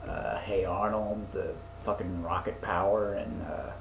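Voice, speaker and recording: A man in his twenties co-hosts a podcast in casual chat, rambling and a bit profane, with many fillers. His voice is low-pitched, steady in tone, and a little slow, recorded in an echoey room with faint noise.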